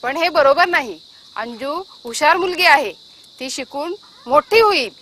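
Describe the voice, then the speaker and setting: A woman's voice: high-pitched, unhurried, slight background noise, full character voice. A woman playing an earnest village schoolteacher. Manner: calm, earnest, persuasive.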